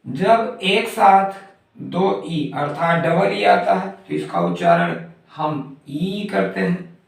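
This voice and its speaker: A man's high-pitched, gravelly voice moves slowly in a sing-song pattern as he teaches English pronunciation, methodically spelling each word's letters before saying it. The explanatory lesson is recorded far from the mic in a very echoey room.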